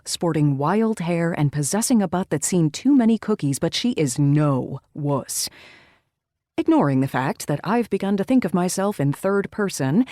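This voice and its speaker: Low-voiced woman reading a romance audiobook. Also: no room sound, studio quality. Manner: wry, expressive first-person storytelling. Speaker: audiobook narrator. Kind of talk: first-person romance audiobook narration.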